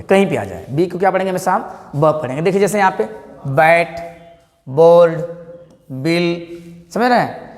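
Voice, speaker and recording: A man's voice: on the high side, darkish tone. A man teaches English pronunciation in a classroom lesson. He fires questions at his class, answers them himself and goes over each word again and again. His voice rings with a long reverb.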